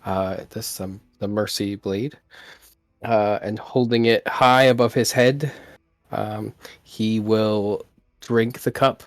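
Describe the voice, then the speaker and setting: A man playing a tabletop game, describing his character's actions in a hesitant way with many pauses. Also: lowish voice, steady tone, dry recording, clean studio sound. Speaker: player.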